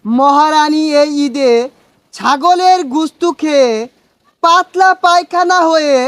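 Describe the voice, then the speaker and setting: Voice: high-pitched, takes it slowly, a bit bright, no echo. An actor playing a fawning male minister in a comic skit, speaking. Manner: fawning, says 'Maharaj' again and again.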